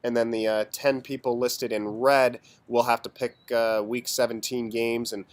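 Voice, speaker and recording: Hoarse man announcing league standings. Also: mid-range voice, little pitch movement, moderate pace. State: hoarse, sick. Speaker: fantasy football league commissioner and host. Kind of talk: casual video announcement of standings.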